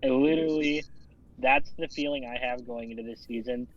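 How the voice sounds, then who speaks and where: A man's voice: mid-range voice, steady tone, normal speed, highs cut off. A man co-hosting a casual podcast, easygoing and rambling, swearing now and then. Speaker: podcast co-host. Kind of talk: casual chat.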